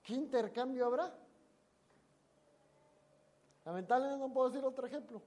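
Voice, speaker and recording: A preacher tells a story in a sermon, dramatic, swinging between loud emphasis and hushed asides. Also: sits high, normal speed.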